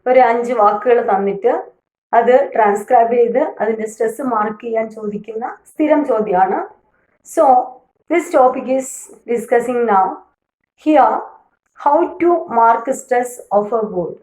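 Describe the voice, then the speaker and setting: A woman with a fairly high, mellow voice teaches a lesson. She reads each rule out slowly, then explains it patiently. The room around her rings with echo. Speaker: English teacher. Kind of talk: explanatory lesson, mixing two languages. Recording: echoey room.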